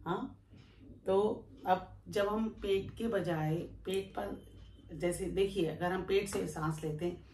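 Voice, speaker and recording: Calm woman teaching breathing. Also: mid-range voice, slow. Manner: calm, explains step by step while demonstrating. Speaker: yoga teacher. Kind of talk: breathing demonstration lesson. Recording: echoey room with faint background noise.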